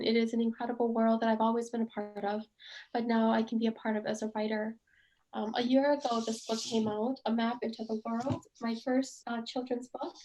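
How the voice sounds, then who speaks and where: A woman author introducing herself on a panel with a measured, steady delivery. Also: on the high side. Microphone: video call.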